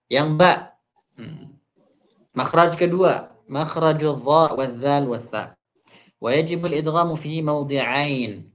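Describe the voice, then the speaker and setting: A man teaching Quran recitation rules, explaining an Arabic text step by step, repeating each example slowly. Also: medium pitch. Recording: dull muffled online audio.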